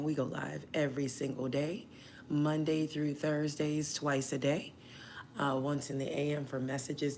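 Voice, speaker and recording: A woman whose voice is still hoarse, hosting a tarot livestream in a chatty way and checking in with her listeners often. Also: rumbling low, slight background noise. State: hoarse, recovering voice. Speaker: tarot reader and channel host.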